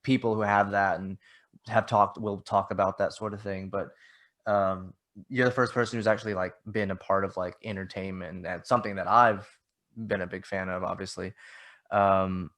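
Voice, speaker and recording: A man's voice: low-pitched, little pitch movement, normal speed, a bit bright. A man hosting a podcast, talking modestly and hesitantly with many restarts. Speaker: podcast host. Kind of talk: casual interview chat.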